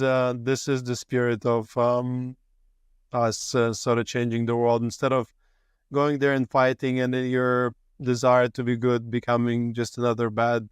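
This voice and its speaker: A man from Latvia hosting a podcast interview, chatting in a relaxed way with frequent fillers. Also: medium pitch, clean tone, no echo, studio quality. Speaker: podcast host. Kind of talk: casual interview chat.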